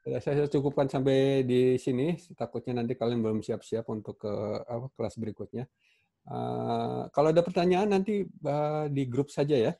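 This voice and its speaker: Man, Indonesian accent, welding teacher, warm dark voice, casual halting lecture, many fillers, video call mic. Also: medium pitch, steady tone, gravelly. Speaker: welding instructor. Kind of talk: online class lecture. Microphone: computer mic on a video call.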